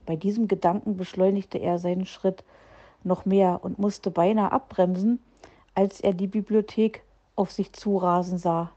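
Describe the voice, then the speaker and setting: A woman reading a children's story aloud in a lively, expressive way. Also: medium pitch, measured pace, highs cut off.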